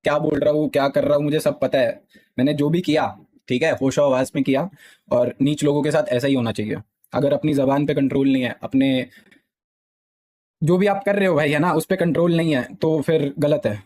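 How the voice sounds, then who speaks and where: A man's voice: on the high side, steady tone, a little fast, a little mellow. A young man, a gaming streamer, explaining a dispute insistently to his live-stream chat. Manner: insistent, repeats "theek hai" often.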